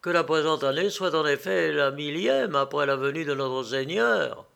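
Un homme qui lit une histoire et prête sa voix à un frère jardinier, un moine doux et docile. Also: male voice, on the high side, normal speed, vocal fry, fairly bright tone, clear, resonant tone. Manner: mild, docile. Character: gentle, calm male monk gardener.

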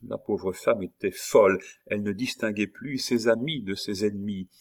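A man reading a classic novel aloud as an audiobook narrator, steady and measured. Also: on the low side.

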